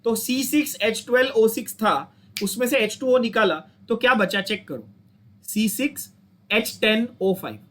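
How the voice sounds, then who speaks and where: A man's voice: high voice, moderate pace, fairly bright tone, slight background noise. A young Indian man teaching a chemistry lecture, coaxing his students, repeating points and asking them to say them back. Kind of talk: online lecture.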